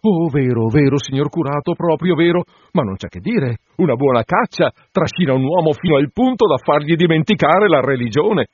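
A sly, fawning parish clerk with a high, giggling voice, as a male reader puts him on. He flatters in sing-song swoops well above the reader's own pitch. The recording is dull and dry. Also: moderate pace, hardly any pauses, breathy edge, no room sound.

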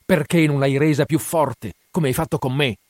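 Frenzied priest of Thoth, read by a man: high, loud, hysterical glee, dry close audiobook sound. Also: moderate pace, no echo, close to an everyday voice. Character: frenzied elderly male Egyptian priest, gleeful. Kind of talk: dramatic audiobook reading.

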